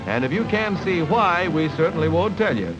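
A man's voice: a little high, big pitch swings, moderate pace, music in the background. A man narrating an old newsreel in breezy, jocular announcer patter, on dull 1940s film sound.

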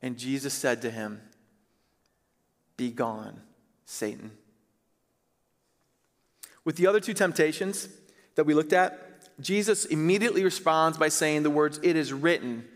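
A man in his thirties, a pastor preaching on a church stage, earnest and emphatic, slowing to stress key phrases. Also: fairly high pitch, animated. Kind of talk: sermon. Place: large church stage, indoors. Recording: reverberant church hall.

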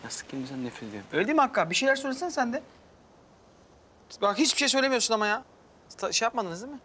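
A man's voice: extremely high pitch, very animated, racing, sharp tone, breathy edge, exaggerated voice. An actor playing a flustered, lovesick young man who rambles defensively and pleads. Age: young adult. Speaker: lead actor in a TV comedy series.

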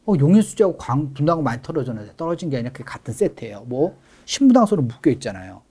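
A man's voice: mid-range voice, very animated, very fast, warm tone, slightly rough. A middle-aged man, a real estate expert guest, explaining things in an interview with emphatic stress on key words.

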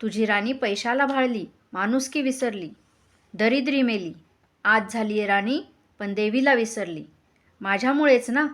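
A woman voicing a poor, proud old beggar woman who speaks softly with a cough in a folk tale. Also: fairly high pitch, a little slow. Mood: indignant. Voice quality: soft voice with coughing.

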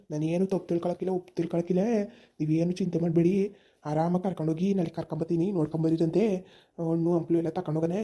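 Woman doing a kind, quick-talking village lad. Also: fairly low pitch, dark tone, natural voice. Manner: insistent, reassuring, talks over worries. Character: young village man, kind, caring nephew. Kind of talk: cartoon voice acting.

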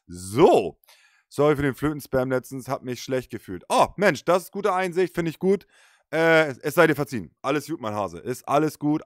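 Male gaming streamer: bright, slightly hoarse, slangy and excitable, pitch swinging widely. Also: no room sound, clean studio sound. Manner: slangy, excitable, prone to loud outbursts. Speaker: Twitch streamer. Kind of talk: casual live-stream chat over gameplay.

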